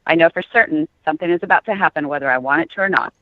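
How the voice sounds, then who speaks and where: A woman's voice: sits low, racing, a little hiss or hum. A woman author answering questions as a podcast guest over a narrow, phone-like connection. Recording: tinny narrow phone-like line.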